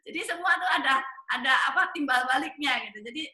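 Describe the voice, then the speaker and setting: Gentle high-voiced woman counselor. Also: expressive, moderate pace, echoey room. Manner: gentle, hesitant, many fillers. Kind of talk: answering questions on a talk show.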